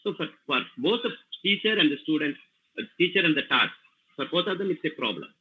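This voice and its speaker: Male language trainer, Tamil Nadu Indian English, fairly high pitch, hesitant lecturing webinar voice, phone-quality audio. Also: animated, breathy edge. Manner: halting, many fillers and "you know, no?" tags. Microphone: video call. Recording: tinny phone-like call audio.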